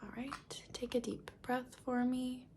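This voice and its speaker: A woman in a whispered role-play as a caring doctor, speaking softly and breathily with gentle reassurance. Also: high-pitched, completely flat delivery, a little slow, a little hiss or hum. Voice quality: breathy, soft. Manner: soft-spoken, gentle, reassuring, half-whispered. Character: caring, reassuring female doctor giving a check-up. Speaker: ASMR performer playing a doctor.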